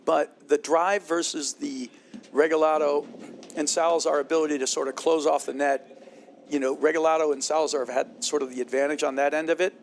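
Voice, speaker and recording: A man calling a paddle match, his slightly high voice full of gravelly fry and strained from a long weekend of talk. He walks through the players and tactics in a relaxed, chatty flow. Faint outdoor noise sits behind him. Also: fairly quick. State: voice strained from talking. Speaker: play-by-play commentator. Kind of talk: sports commentary.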